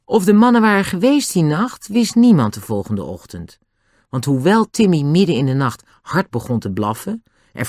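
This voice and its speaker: An audiobook narrator telling a children's adventure story. The delivery is expressive, with a lively, swinging pitch. The recording is dry and close to the mic. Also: no echo.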